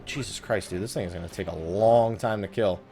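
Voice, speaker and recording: A man with a fairly low, mellow voice narrates a video game for his let's play series at a fairly quick clip. The chat is casual, laced with swearing and sarcastic grumbling, and soft music plays underneath.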